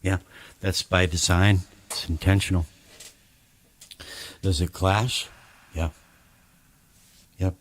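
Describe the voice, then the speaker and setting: This music-making streamer complains casually to his chat, his low-pitched voice steady, slow, and often broken by pauses. He rambles in an aggrieved manner, with lots of stammered restarts.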